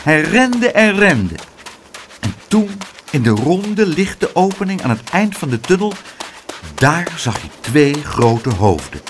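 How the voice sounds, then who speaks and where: A man reading a children's storybook aloud in a lively, expressive way. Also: fairly high pitch, takes it slowly, slight background noise.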